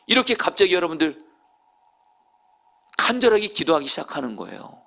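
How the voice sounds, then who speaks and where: Gravelly, bright-toned male preacher. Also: fairly high pitch, big pitch swings, brisk. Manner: swings from hushed near-whispers to loud impassioned preaching; storytelling, addresses the congregation directly. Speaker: pastor. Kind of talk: sermon. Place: church, Friday evening service.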